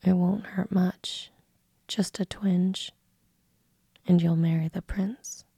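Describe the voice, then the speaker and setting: Scheming stepmother, coaxing hushed whisper, dark and husky, as a woman puts her on. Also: on the low side, steady tone, takes it slowly, no room sound, clean studio sound, exaggerated voice. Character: scheming cold-hearted stepmother.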